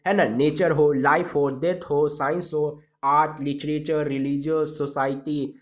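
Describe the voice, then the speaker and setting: A teacher from India giving a grammar lesson, explaining rules step by step, sounding letters out slowly and checking in often with the class. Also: mid-range voice, little pitch movement, lo-fi sound. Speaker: exam-prep English grammar teacher.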